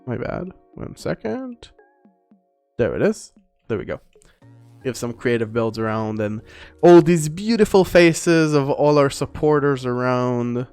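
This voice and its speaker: Male game streamer, casual rambling commentary, mid-pitched, reads chat aloud, faint music underneath. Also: expressive, unhurried, darkish tone, clear, resonant tone. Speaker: gaming streamer. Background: faint background music.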